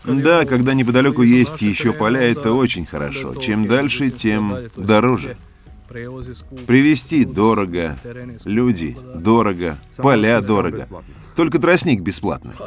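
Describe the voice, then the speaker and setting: A man voicing a documentary interview, asking and answering in a plain conversational way. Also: lowish voice. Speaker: interviewer and voice-over narrator.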